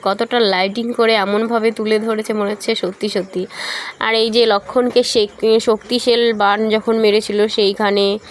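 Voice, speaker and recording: A woman's voice: mid-range voice, level tone, measured pace, slight background noise. A young woman from West Bengal narrating a casual travel vlog, talking straight to her viewers with fillers and self-corrections. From West Bengal, India. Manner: chatty, addresses viewers directly, many fillers and self-corrections. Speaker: vlogger.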